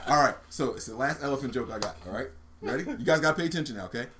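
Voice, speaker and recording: A man's voice: mid-range voice, very fast, heavy background noise. A man on a casual talk show, telling a long joke with lots of laughs and shrieking voices. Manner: animated, laughs a lot, shrieks during voiced parts of jokes.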